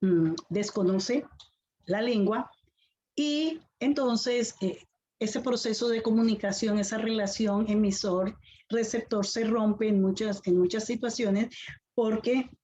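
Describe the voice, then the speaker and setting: Mellow Colombian Caribbean woman presenting. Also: a little high, takes it slowly, slight background noise. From Colombian Caribbean islands. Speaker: educator presenting at an education lecture. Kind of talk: semi-formal academic presentation. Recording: dull lo-fi audio.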